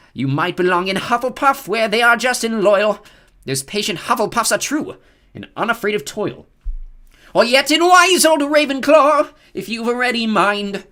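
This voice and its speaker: A man voicing a boastful, jolly magical talking hat that sings its rhymes slowly. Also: high voice, bright, forceful tone, pitched above the performer's own voice, heavily acted. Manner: slow sing-song rhyming delivery.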